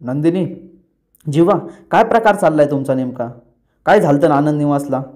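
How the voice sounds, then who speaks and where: A man's voice: on the high side, lively intonation, moderate pace, close to an everyday voice. A man doing a hot-tempered elder brother. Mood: angry. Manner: shouting, demanding.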